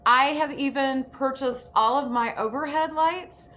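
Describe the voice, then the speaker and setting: With a high-pitched, slightly bright voice and an unhurried pace, a woman enthusiastically instructs an informal online acting self-tape workshop. She's in an indoor room on a video call that picks up background noise.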